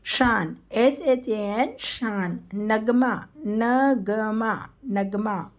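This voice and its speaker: A woman teaching a spelling lesson, dictating names slowly syllable by syllable and explaining each letter. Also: on the high side.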